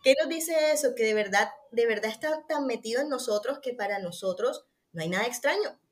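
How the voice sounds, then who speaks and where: Animated woman psychologist. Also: fairly high pitch, a little fast. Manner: animated, acts out quoted parents and children. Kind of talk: podcast guest conversation.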